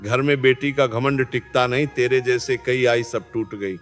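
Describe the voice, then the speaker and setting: A man's voice: medium pitch, steady tone, normal speed, pitched below the performer's own voice, natural voice. A man voicing a harsh, domineering older mother-in-law who scolds and taunts, in a story read aloud. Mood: taunting. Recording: long reverb, faint music behind.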